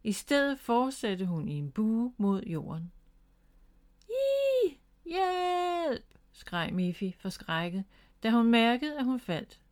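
A woman reading a children's picture book aloud in a calm, gentle way. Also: mid-range voice. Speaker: storyteller.

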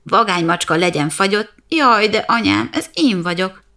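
A woman's voice: mid-range voice, animated, pushed and bright. Woman doing Csimbók, a cocky lazy young cat. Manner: mocking, silly, boastful rhyming.

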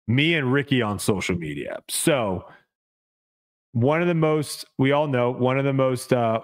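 A man hosting a podcast, reading a sponsor ad and then chatting loosely, repeating words as he goes. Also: mid-range voice. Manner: rambling, repeats words, laughs easily. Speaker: podcast host. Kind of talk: casual podcast chat with ad read.

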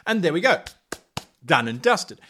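A man's voice: fairly high pitch, measured pace, slight background noise. A man hosting a podcast, talking enthusiastically about running tabletop games, slipping into playful accents now and then. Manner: animated, slips into playful put-on accents. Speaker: podcast host giving game master advice. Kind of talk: enthusiastic solo podcast talk.

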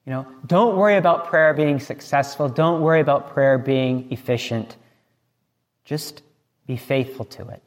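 Preacher in a reverberant hall. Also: male voice, mid-range voice, normal speed. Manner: conversational, frequently asks "right?". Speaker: priest. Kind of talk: sermon. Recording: long reverb in a large hall.

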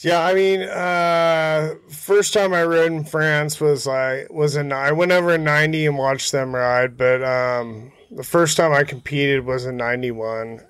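A motorcycle hill climb rider, interviewed outdoors in a backyard, tells racing stories in a casual chat, speaking in a laid-back, slangy, hesitant way. His voice is on the high side, steady and a bit bright, clear and resonant, at a measured pace with hardly any pauses. No echo is heard.

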